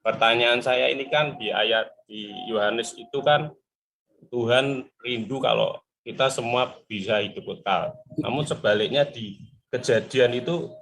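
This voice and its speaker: A man's voice: mid-range voice, measured pace, fairly bright tone, low-quality recording. Polite man asking a Bible question. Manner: polite, deferential, reads verses aloud.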